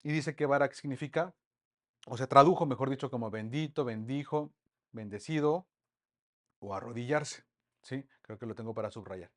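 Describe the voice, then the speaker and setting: A man teaching an online Bible study lesson, lively and full of rhetorical questions to the group. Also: mid-range voice, moderate pace.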